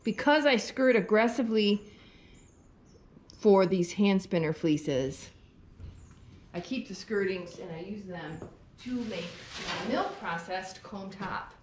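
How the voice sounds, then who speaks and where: In a medium-pitched, darkish voice with lively intonation, a middle-aged sheep farmer speaks slowly while working at a fleece-skirting table. Her casual demonstration as a fleece seller is captured by a tripod camera a few feet away in an echoey barn with faint ambience and some hiss or hum.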